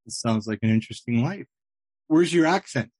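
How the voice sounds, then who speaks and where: A man's voice: mid-range voice, expressive, fairly quick, a little mellow, slightly rough, no room sound. A man hosting a podcast, asking questions in a friendly, conversational way. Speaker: podcast host. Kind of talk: casual podcast interview.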